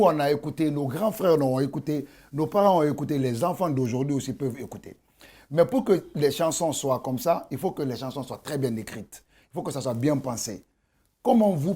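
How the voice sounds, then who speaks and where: A man's voice: fairly high pitch, dark tone. A man with a Guinean accent interviewing a guest as a journalist, hesitating and repeating himself as he goes. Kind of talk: lively conversational interview.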